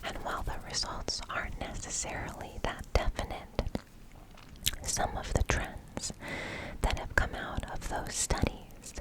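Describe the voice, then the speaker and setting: A woman giving an ASMR science explainer in a breathy whisper, often repeating single words softly for tingly effect. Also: unhurried, low-quality recording. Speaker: ASMR host explaining research.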